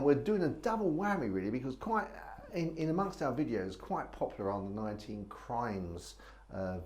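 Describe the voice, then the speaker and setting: A man's voice: mid-range voice, darkish tone. A man hosting a casual wine tasting, chatting and rambling with many restarts. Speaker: wine reviewer host.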